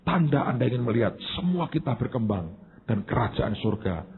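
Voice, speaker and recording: A middle-aged male pastor delivering a sermon, his husky, raspy voice swinging widely between high bursts and low, quiet asides. He tells stories lively and acts out every character's lines. The sound is thin and tinny, like it's coming over a phone line. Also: moderate pace. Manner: animated storytelling, acting out dialogue, jumping high in pitch for emphasis; sprinkles English words into his speech.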